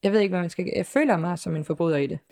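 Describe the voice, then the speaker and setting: A woman's voice: fairly low pitch, dark tone. A woman in an interview telling her own story, hesitant and circling with many fillers, yet composed and matter-of-fact. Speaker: interviewed mother. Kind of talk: personal interview account.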